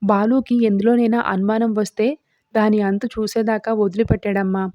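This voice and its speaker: A woman's voice: medium pitch, level tone, fairly quick, mellow, no room sound, close to an everyday voice. A woman reading as a distraught young mother hiding a secret son. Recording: dull dry lo-fi recording.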